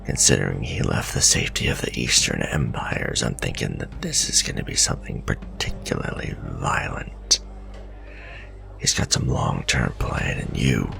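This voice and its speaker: Over clear background music, a man voices a gruff werewolf vampire hunter, centuries old, bitter and distrustful, in a dramatic fantasy ASMR roleplay. His exaggerated voice is a very deep, gravelly, breathy growl, delivering grim, scornful warnings slowly and deliberately.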